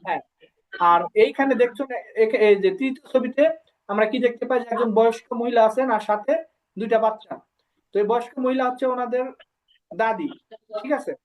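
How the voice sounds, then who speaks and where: A woman's voice: a little high, fairly quick, pauses often, a crowd in the background, rough recording. A woman teaching a language class online, explaining step by step and repeating syllables for her students to copy.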